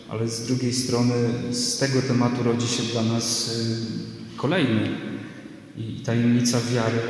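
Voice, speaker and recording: A Polish man giving a measured, reflective sermon-like talk, recorded in a church with cathedral-like echo. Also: mid-range voice, a little hiss or hum. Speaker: religious podcast host and preacher. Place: inside a church. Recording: reverberant church echo, farther from the mic.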